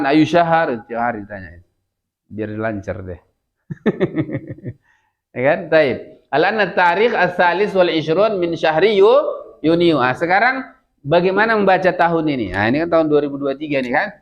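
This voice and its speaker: A man with an Indonesian accent teaching an Arabic lesson, slowly drilling words for students to repeat and then explaining casually with light laughs. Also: fairly high pitch, animated, lo-fi sound. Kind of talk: classroom language lesson.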